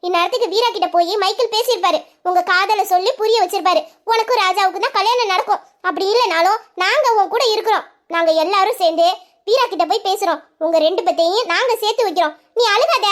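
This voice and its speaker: A caring young woman who soothes and coaxes a crying girl, as a woman acts her out in an audio drama. Her voice is very high and quick. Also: fairly bright tone. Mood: comforting. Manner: soothing, coaxing.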